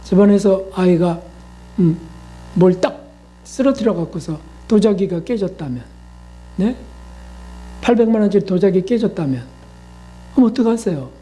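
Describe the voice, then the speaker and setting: A man's voice: sits high, expressive, moderate pace, long pauses, warm tone. Conversational Korean male pastor preaching. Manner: conversational, asks the congregation questions; acts out quoted voices. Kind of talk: sermon.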